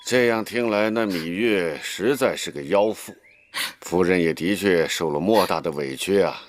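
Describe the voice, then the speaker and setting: An actor playing a deep-voiced scheming old chancellor. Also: male voice, slight background noise, lightly acted. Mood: calculating. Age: older. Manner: measured and reasoning, turning stern. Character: scheming older male chancellor, calm and calculating. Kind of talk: period TV drama dialogue.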